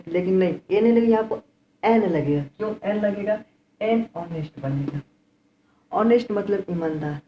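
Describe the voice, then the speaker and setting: A man with an Indian accent teaching English grammar in a classroom style. He repeats key words and keeps asking rhetorical questions. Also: high voice. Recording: roomy, dull lo-fi with faint room noise.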